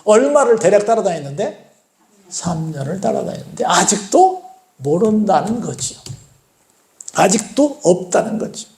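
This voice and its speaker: A man's voice: high voice, darkish tone. A male pastor preaching a sermon in a church, asking the congregation questions and answering them himself. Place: church sanctuary. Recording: echoey church sanctuary.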